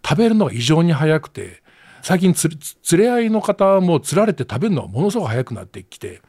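A man with an Osaka accent hosts a relaxed solo podcast and reads out listener stories. His voice is gravelly and a little husky, and the pitch moves around a lot as he talks. He keeps dropping in chuckling, self-deprecating asides, all in a dry, close room. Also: quick pace, dry recording. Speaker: podcast host.

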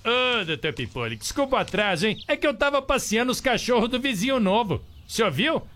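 A man's voice: very high voice, big pitch swings, brisk, bright, forceful tone, full character voice. A man voicing an eager dog walker in a comedy radio sketch. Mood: apologetic.

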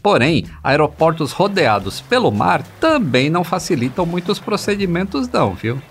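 A man's voice: on the high side, very animated, moderate pace. A Brazilian man hosting a podcast, reading a script in a playful way and addressing listeners directly. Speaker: podcast host. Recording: background music. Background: music.

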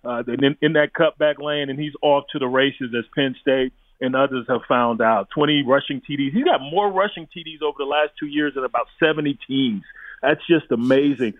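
A man's voice: on the high side, dry recording. Man, college football analyst, emphatic blunt talk, phone-line audio, dry. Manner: emphatic, blunt, with restarts and chuckles. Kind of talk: opinionated sports talk radio analysis. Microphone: phone line into studio.

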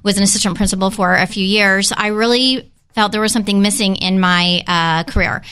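A woman from Kansas speaking as a guest in an interview. Her voice is bright and smooth, and she answers earnestly, with frequent ums and uhs. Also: mid-range voice, fairly even intonation, fairly quick. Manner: earnest, with many fillers. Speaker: school administrator guest. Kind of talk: casual interview.

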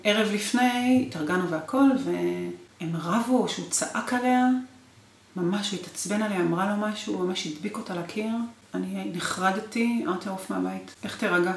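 A woman's voice: mid-range voice, vocal fry, a little hiss or hum. A woman in her forties in an interview, recounting her marriage with emotional, repetitive intensity. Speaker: guest. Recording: roomy echo.

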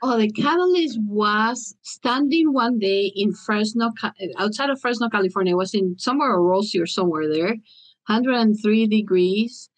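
A woman's voice: medium pitch, normal speed, poor audio. Woman telling a story. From Colombia. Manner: animated storytelling. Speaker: interview guest. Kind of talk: podcast interview.

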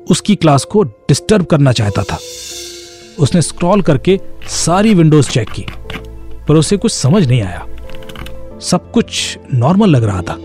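A man tells a suspenseful story in a dramatic, fairly high and animated voice. Faint music runs underneath his narration.

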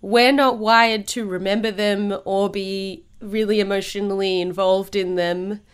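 A woman's voice: medium pitch, level tone, measured pace, clean tone. A woman chatting casually and playfully as a podcast host, often teasing. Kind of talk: casual chat.

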